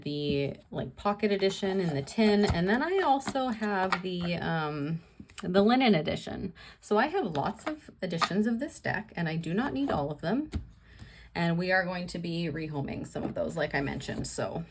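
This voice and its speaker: A woman's voice: on the low side, background noise. A woman hosting a casual vlog, tired and rambling with many fillers and restarts. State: tired and yawning. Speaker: vlog host. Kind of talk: casual chat about her tarot deck collection.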